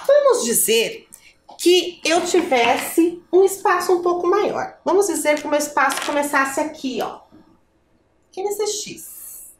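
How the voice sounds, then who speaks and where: Lively Brazilian woman teacher, echoey room. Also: very high voice, a little slow, a little hiss or hum. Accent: Brazilian Portuguese. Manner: patient, asks the viewer questions. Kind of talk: classroom lesson for children.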